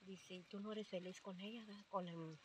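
A woman's voice: medium pitch, steady tone, normal speed, darkish tone, slight background noise. An older woman with a Mexican accent, telling her story in a rambling way with many fillers, quoting what others said. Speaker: interviewee. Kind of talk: casual storytelling.

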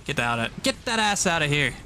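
A man doing live play-by-play commentary on a fighting game tournament, jokey and excitable, munching on food as he talks. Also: on the high side, brisk, a little hiss or hum. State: eating while talking. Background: music playing behind.

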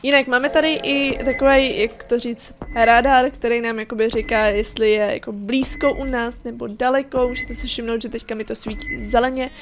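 A chatty young woman with a fairly high voice talks viewers through a game in casual let's-play commentary. Faint noise hums under her voice. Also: fairly even intonation, hardly any pauses. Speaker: gaming channel host.

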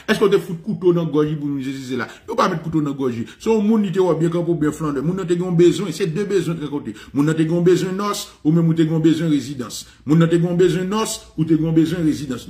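A man with a Haitian accent giving an animated, ranting commentary, switching between languages, swearing and laughing. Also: a little high. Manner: ranting, mixing Creole, French and English, with profanity and laughs.

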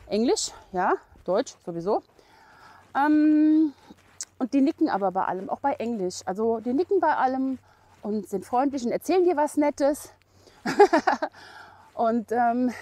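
Chatty hiking woman, slightly high voice. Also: darkish tone, dry recording. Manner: chatty and rambling, with many fillers and frequent laughs. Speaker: hiking vlogger. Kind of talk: casual chat to camera. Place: outdoor forest trail on a coastal hillside. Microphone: camera held at arm's length.

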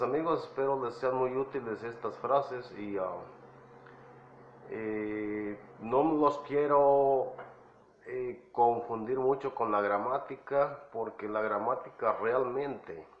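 A man teaching English phrases in a slow, explanatory lesson, repeating each phrase with frequent fillers. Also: fairly low pitch. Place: in the United States. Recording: echoey room, slightly dull.

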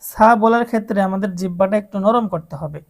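She talks fast in a mid-range, darkish voice. In this slow recitation lesson for adult beginners learning the Quran, she patiently elongates every letter sound and guides listeners to repeat her, step by step.

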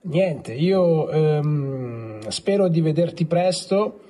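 A man's voice: fairly high pitch, animated, very slow, dark tone. Man in an easygoing video message. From Italy. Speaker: family member sending a greeting. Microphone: phone video.

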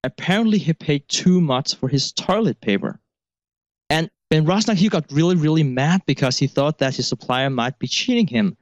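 A man's voice: a little high, animated, normal speed, no echo, dull audio. A man co-hosting a podcast, telling stories in a casual discussion with an amused manner. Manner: amused storytelling, laughs mid-sentence. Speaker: podcast co-host.

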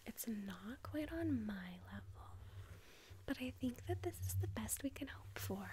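A woman's voice: a little high, lively intonation, measured pace, mellow, slight background noise. A woman in her twenties playing a vain, condescending valley girl in a whispered role-play, with a drawl full of "like". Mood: smug, self-satisfied. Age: 20s. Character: bitchy, vain valley girl getting a friend party-ready. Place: small quiet room indoors, on a couch.

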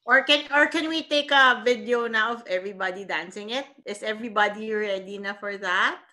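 A woman with a Filipino accent organizing a dance class, brisk and direct. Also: medium pitch, sharp tone. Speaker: dance teacher.

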